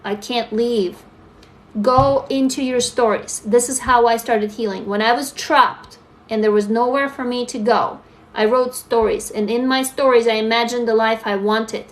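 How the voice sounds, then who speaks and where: Woman, young adult, slightly high voice, candid livestream chat, phone mic. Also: fairly even intonation, moderate pace. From Russia. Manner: candid, talks straight to viewers, reads comments aloud. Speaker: livestream host. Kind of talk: casual live-stream chat.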